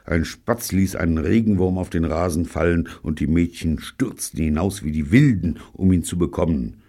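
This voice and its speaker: A man's voice: deep voice, normal speed, mellow. A man narrating an audiobook in a dry storytelling manner.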